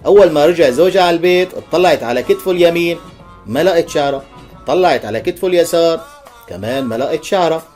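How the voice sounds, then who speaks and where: A man with a Levantine Arabic accent tells short jokes in a playful storytelling way. His voice sits high for a man. Faint instrumental music plays underneath. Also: quick pace, a little mellow. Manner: playful storyteller who laughs at his punchlines. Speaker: joke teller. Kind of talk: telling jokes for a video.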